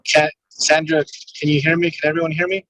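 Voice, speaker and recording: A man's voice: on the high side, flat delivery, a little fast, pushed and bright, no room sound, low-quality recording. A man, a police commander, calling in hands-free on a car speakerphone while driving, speaking carefully and politely and taking care not to misspeak. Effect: car speakerphone call. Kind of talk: community meeting remarks. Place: inside a moving car. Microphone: hands-free car phone.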